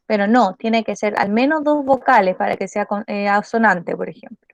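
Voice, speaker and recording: A woman's voice: mid-range voice, moderate pace, gravelly, no echo, lo-fi sound. A woman teacher with a Chilean accent, explaining a school lesson patiently and checking often whether the class follows.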